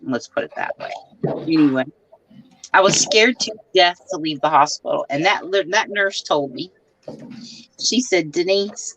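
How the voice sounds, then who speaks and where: A woman's voice: low-pitched, fairly bright tone, dry recording, poor audio. A middle-aged woman chatting casually and telling down-to-earth family stories. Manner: storytelling, down-to-earth. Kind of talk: casual chat.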